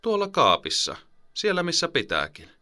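A man's voice: a little high, wildly swooping pitch, bright, forceful tone, dry recording, pitched above the performer's own voice, full character voice. A man voicing a defensive, teasing older brother in an audiobook, with a snappy manner. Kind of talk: audiobook character voice.

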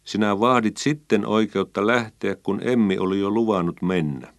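A man's voice: fairly low pitch, dry recording, clean studio sound, close to an everyday voice. A man voicing a stern, serious father who lectures his son in a children's story. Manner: stern, deliberate.

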